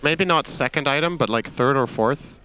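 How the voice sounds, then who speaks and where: A man's voice: medium pitch, moderate pace, bright, forceful tone, clear, resonant tone. A man casting a live esports match in a dry, matter-of-fact analyst manner. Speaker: esports caster.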